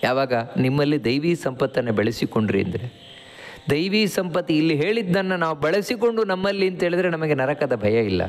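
A man's voice: on the high side, lively intonation, fairly quick, big-room sound. A man teaching a religious discourse, explaining Sanskrit verses line by line. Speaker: spiritual teacher.

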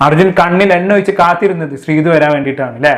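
A fast-talking man with a fairly high voice gives a casual, chatty recap of a reality show. As a show commentator, he speaks straight to his viewers and calls them kids.

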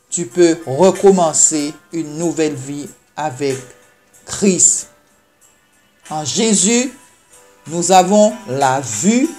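A woman preacher delivering a sermon, reading scripture and exhorting the listener with slow, emphatic phrasing. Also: mid-range voice, a little mellow.

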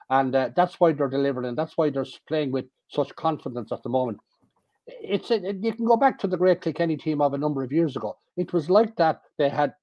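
A man's voice: medium pitch, no echo, dull audio. An older Irish man on a video call, speaking emphatically as a hurling pundit. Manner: assertive, emphatic. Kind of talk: casual sports analysis.

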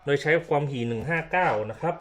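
A man's voice: a little high, fast talker, heavy background noise. A man giving a casual hands-on product demonstration, explaining step by step and often repeating himself with polite particles. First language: Thai.

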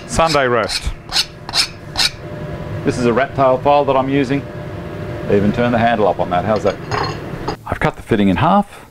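A man's voice: on the low side, noisy background. A man in his fifties with an Australian accent, chatting casually as he demonstrates a woodworking job in his home workshop on a lapel mic. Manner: chatty, relaxed, with laughs and Aussie slang. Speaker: woodworking channel host.

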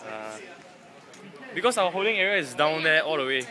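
A man's voice: fairly high pitch, lively intonation, fairly quick. A young man with a Singaporean accent chatting casually in Singlish, with particles like lah and ah, in a handheld vlog. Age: young adult. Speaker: vlogger. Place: busy canteen and walkways. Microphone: phone at arm's length. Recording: busy crowd noise, handheld phone.

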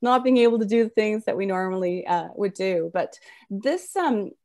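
A woman's voice: mid-range voice, lively intonation, moderate pace, a little mellow. A middle-aged woman giving an informal webinar lecture as a nurse, with slightly slurred, slushy s sounds from braces. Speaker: registered nurse presenting a health webinar. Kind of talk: informal lecture over slides. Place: indoor room, video call.

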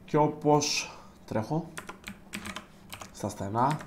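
A man giving live gameplay commentary as a streamer, chatting to viewers and bursting into loud exclamations. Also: on the high side, a little hiss or hum. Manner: chatty, addresses viewers directly.

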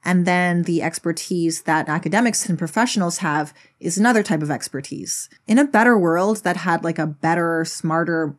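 A woman talks through her video essay in a fairly low voice. She is casual and blunt, and she drops frequent swear words and sarcastic asides.

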